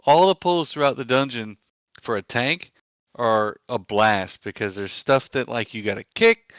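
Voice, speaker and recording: A man's voice: medium pitch, a little slow, a bit bright, no echo. A man co-host in casual gaming chat, joking crudely. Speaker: podcast co-host.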